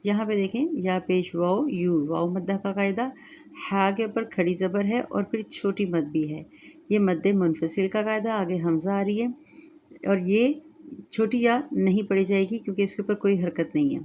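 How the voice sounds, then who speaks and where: A woman teaching Quran recitation rules, chanting verses slowly and then explaining each rule calmly, with an Urdu accent. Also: medium pitch, slight background noise. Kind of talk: tajweed lesson, slow recitation then explanation.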